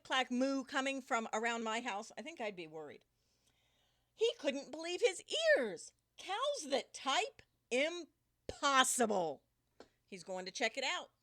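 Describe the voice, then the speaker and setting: Indoors, a female teacher reads a picture book aloud to a group of children, her voice on the high side. She's animated and keeps pausing to ask the kids questions.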